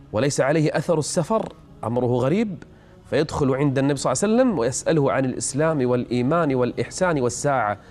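A man's voice: mid-range voice, a little mellow. A man hosting a religious programme, telling stories and teaching in a scripted lecture style, in formal standard Arabic.

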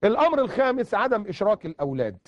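Egyptian guy preaching super fast, kinda high voice, keeps repeating stuff for emphasis, dull dry lo-fi audio. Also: sing-song, no room sound. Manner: emphatic, repeats words for stress. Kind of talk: colloquial sermon.

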